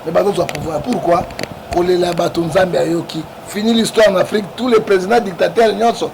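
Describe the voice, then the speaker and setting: A Congolese man from the Democratic Republic of the Congo, a guest in an interview, argues politics emphatically in a Congolese French accent, pushing his points and prodding the listener with repeated "hein?". His voice is high-pitched and gravelly, and steady noise runs beneath the recording.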